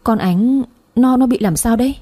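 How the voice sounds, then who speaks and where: A woman voicing a distraught older mother who wails and scolds her daughter in a high, husky voice. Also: moderate pace, mellow. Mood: shocked, wailing. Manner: wailing, scolding.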